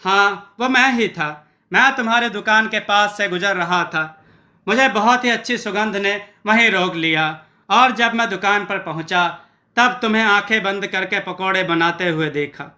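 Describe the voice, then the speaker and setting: A man's voice: sits high, measured pace, pushed and bright, full character voice. A man voicing a small rat-like creature, a cheeky, folksy helper who cooks in secret.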